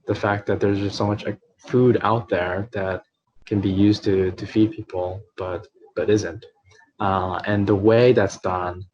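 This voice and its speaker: Speaking from his apartment in a video call interview, a nonprofit CEO from New York talks in a low voice, stumbling with frequent fillers and restarts. The audio is dull, with slight background noise.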